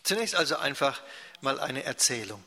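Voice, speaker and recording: A man reading his own stories to a live audience, talking quickly and chatty with fillers. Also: medium pitch, big pitch swings, pushed and bright. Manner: fast talker, chatty with fillers. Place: church hall before an audience. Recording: echoey church hall.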